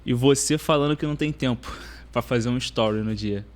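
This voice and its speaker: A man hosting a podcast, asking follow-up questions and giving motivational talk with deliberate repetition. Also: mid-range voice. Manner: motivational, repeats points, asks follow-up questions. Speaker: podcast host. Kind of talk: podcast interview.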